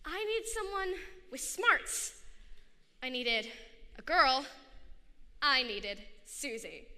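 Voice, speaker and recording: A woman's voice: high voice, very animated, takes it slowly, pushed and bright, full character voice. A woman voicing a boastful, self-assured boy detective telling his story. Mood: cocky. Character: confident boy kid detective narrating. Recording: echoey hall.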